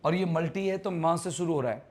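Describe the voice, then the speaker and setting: A man's voice: fairly high pitch, brisk. A man teaches an English grammar class live online. He talks casually and coaxes his students, repeating words over and over to drill them.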